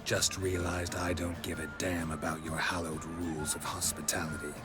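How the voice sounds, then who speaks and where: A terse, grizzled monster hunter from a video game, voiced by a man. His very deep voice stays low-key and dry, with game music under it. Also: little pitch movement, moderate pace, lightly acted.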